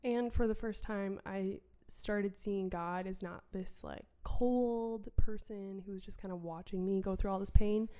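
A woman from Wisconsin shares her personal faith story as a podcast guest. Her voice is mellow and soft-edged, and she tells it in an animated, conversational way, acting out what she thought and said back then. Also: mid-range voice, unhurried, few pauses, clear, resonant tone. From Wisconsin, USA. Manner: animated storytelling, acts out her past self.

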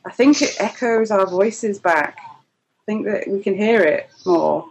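A man playing a tabletop game with friends, excitable and joking, laughing often. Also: sits high, a little slow, creaky, slight background noise, low-quality recording. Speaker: player. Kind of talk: casual tabletop play.

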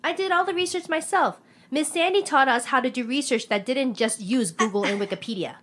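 A woman's voice: high-pitched, brisk, a bit bright, slight background noise. A woman playing a blunt, indignant fourteen-year-old schoolgirl delivering a speech in an emphatic, outspoken way. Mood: protesting. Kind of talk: scripted comedy sketch, speech delivery.

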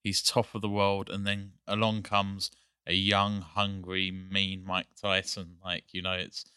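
A man with an English accent, a guest on a podcast, talking in a measured, articulate way with frequent pauses to think. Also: deep voice, monotone, pushed and bright, smooth, no echo, studio quality. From England. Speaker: guest, energy company CEO. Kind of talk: casual podcast chat.

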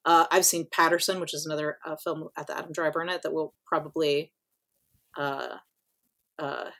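A woman's voice: low-pitched, steady tone, normal speed, a bit bright. A woman co-hosting a podcast in casual chat, rambling with lots of fillers and casual swearing. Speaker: podcast co-host.

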